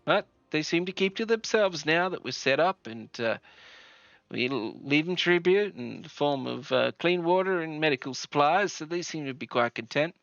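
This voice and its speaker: A man's voice: on the high side, animated, creaky, a bit bright, no echo. A man putting on a drawling Southern settler woman. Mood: welcoming. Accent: Southern US, put on. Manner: halting, friendly, full of fillers. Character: hospitable female settlement leader. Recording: dry, slightly dull, faint music.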